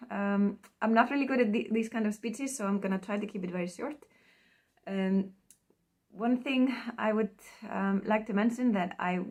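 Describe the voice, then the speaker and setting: Icelandic woman, mid-pitched, halting thank-you speech with lots of ums. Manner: hesitant, many ums, trailing off quietly. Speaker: award recipient. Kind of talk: prerecorded acceptance speech.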